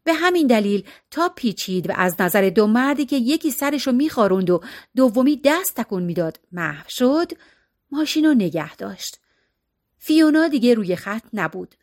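A woman narrating a story in a steady storytelling voice, shifting expressively from line to line. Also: fairly high pitch. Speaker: audiobook narrator.

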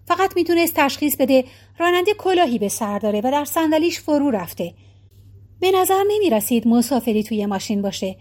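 High-voiced woman reading a novel. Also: sing-song, darkish tone. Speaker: audiobook narrator. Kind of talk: scripted narration.

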